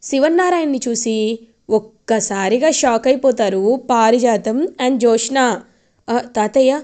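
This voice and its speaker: A woman retelling the plot of a TV serial in a chatty, animated way. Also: fairly high pitch, unhurried.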